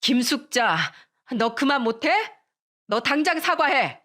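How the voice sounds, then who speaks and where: A woman's voice: high voice, animated, measured pace, sharp tone, voice pushed up, full character voice. A woman voicing a strict mother who sharply scolds her daughter. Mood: scolding.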